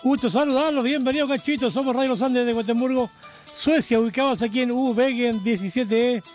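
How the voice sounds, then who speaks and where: A man hosting a live community radio show, greeting listeners over and over and firing off quick questions. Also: very high voice, faint music behind. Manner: effusive, repeats greetings, rapid-fire questions.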